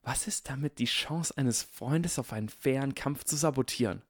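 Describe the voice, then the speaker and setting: A man's voice: fairly low pitch, expressive, normal speed, a little mellow, no echo, studio quality. A man voicing Draco, a proud scheming boy. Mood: aggrieved.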